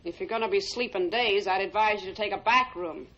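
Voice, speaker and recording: A woman's voice: medium pitch, brisk, a bit bright, dull audio, close to an everyday voice. An actress playing a curt, suspicious, thrifty boarding-house landlady in a film drama, with an American accent and brusque manner. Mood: wary, matter-of-fact.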